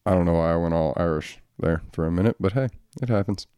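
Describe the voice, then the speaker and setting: A man's voice: deep voice, fast, dark tone, smooth, dry recording, studio quality. A man hosting a casual solo podcast, a father talking in a blunt, profane, ranting way. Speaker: podcast host.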